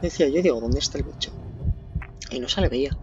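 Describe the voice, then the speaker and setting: A young man doing let's-play commentary, excitable, swearing and joking. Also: medium pitch, quick pace, muffled recording, slight background noise. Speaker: gaming youtuber.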